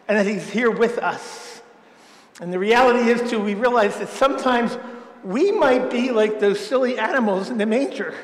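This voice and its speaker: A man preaching a Christmas homily as a simple story for children, speaking in a large church. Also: high voice. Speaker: priest. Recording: echoey church with long reverb.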